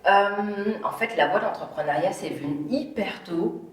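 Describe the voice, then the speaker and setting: A woman's voice: on the low side, animated, moderate pace, recorded from a distance. Woman from paris, casual interview chat, laughs a lot, lots of um, roomy echo. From Paris, France. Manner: chatty, laughs often, many fillers. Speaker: entrepreneur guest.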